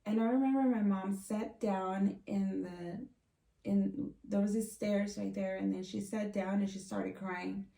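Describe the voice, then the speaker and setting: Woman, gravelly, mellow tone, earnest vlog storytelling, roomy sound, set back from the mic. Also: mid-range voice, fairly even intonation, measured pace, far from the mic. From Mexico. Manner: earnest, reflective. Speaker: vlogger.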